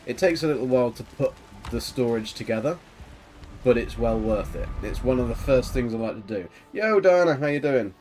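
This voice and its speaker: Soft background music plays under a man's animated, mid-range voice as he streams a game, speaking a little quickly. His tone stays soft and easygoing, mixing chat with viewers and mumbled asides.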